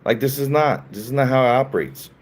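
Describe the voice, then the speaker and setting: A man's voice: mid-range voice, expressive, quick pace. A sleepy man hosting a live stream, reading chat and riffing casually, laughing often between jokes. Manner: laughs often, loose and joking, answers chat. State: sleepy, yawning. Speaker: livestream host reading chat.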